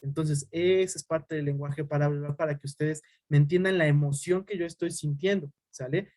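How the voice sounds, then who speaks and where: Man, young adult teacher, quick talker, slightly high voice, dry close sound. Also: fairly even intonation, a little mellow, no echo. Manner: fast-talking, uses "¿sale?" as a tag. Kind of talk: online class lecture.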